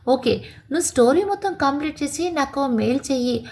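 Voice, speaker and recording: A woman voicing a kindly, fatherly middle-aged male film director who jokes gently in a read-aloud story. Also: high voice, expressive, brisk. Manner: warm, joking, fatherly.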